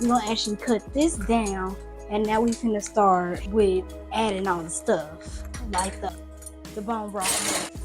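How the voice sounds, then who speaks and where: A tired woman, chatting casually and rambling to her viewers while cooking in her home kitchen, recorded by a nearby camera. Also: on the high side. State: tired, yawning. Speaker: cooking vlogger. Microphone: camera close by.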